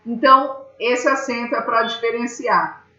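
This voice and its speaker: A woman's voice: fairly high pitch, unhurried, bright, forceful tone. A woman teacher from Brazil giving a grammar lesson, patiently explaining step by step and checking in with her students. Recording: echoey room, slightly dull sound.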